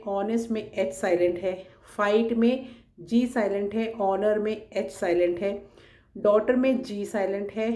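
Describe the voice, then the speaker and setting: A woman's voice: medium pitch, darkish tone, reverberant. A woman teacher, patiently walking students through a worksheet step by step. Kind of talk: explaining a worksheet lesson.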